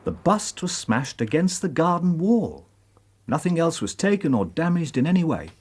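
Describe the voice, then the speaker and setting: A dogged Victorian police inspector. He is modest, with a lively, swinging intonation, in a radio drama with faint background noise. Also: on the high side, moderate pace. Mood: matter-of-fact.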